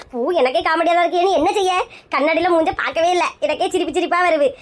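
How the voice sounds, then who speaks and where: A woman with a Kanyakumari Tamil accent plays a bossy, scolding older sister in a comedy sketch. Her voice is extremely high and fast, and her mood is chatty.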